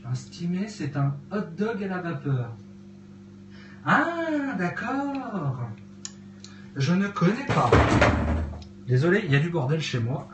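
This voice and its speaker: A man's voice: a little high, expressive, moderate pace, noisy background. A man hosting a casual cooking live stream in his cluttered kitchen at home, hesitating often with fillers as he chats with viewers. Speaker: livestream host cooking. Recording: echoey home room.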